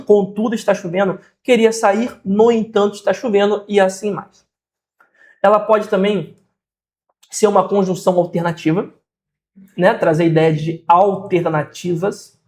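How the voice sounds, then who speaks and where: In this grammar lesson, a teacher with a Brazilian Portuguese accent goes over examples again and again with patience, regularly checking that the listener is following. The voice sits mid-range and has a slightly mellow quality.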